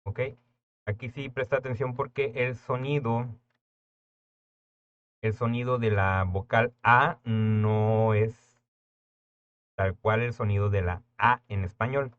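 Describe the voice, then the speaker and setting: A man's voice: medium pitch, fairly even intonation, slow pace, pauses often, muffled recording. A man teaching English pronunciation to Spanish speakers in an online lesson, patiently repeating words for practice.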